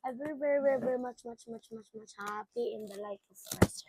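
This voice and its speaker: An excitable young woman talks through a casual vlog, her voice bright and high. She keeps exclaiming and switches into English as she goes. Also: a little fast, gravelly, noisy background. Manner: excitable, exclaiming, mixes English with local talk. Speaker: vlogger.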